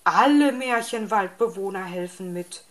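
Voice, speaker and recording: A woman's voice: mid-range voice, a little slow, lightly acted. A woman voicing a polite, fussy old male owl in a storybook reading, hooting now and then.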